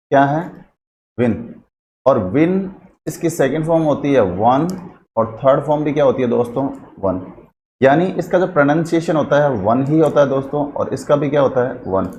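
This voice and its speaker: A man teaches English grammar in Hindi, slipping in English terms, spelling words out slowly as he writes them, and repeatedly asking the class questions he answers himself. His voice is on the high side and a little mellow, and there is a slight hiss or hum.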